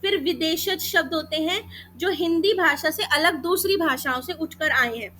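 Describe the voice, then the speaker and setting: A woman teaching a Hindi grammar lesson for exam preparation, calling students beta and mixing in English terms while sounding out letters slowly. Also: very high voice, pushed and bright.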